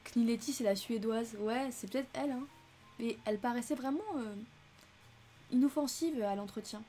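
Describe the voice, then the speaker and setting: A woman reading a detective novel aloud, breaking into chatty asides between passages of expressive narration. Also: fairly high pitch, moderate pace, soft background music. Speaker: audiobook reader and channel host. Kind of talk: casual audiobook reading with asides.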